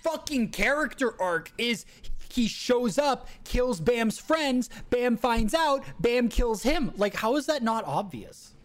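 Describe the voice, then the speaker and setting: A man's voice: very high-pitched, expressive, slow. A man co-hosting a casual chat, reading out and mocking a take in a sarcastic rant. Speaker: podcast co-host.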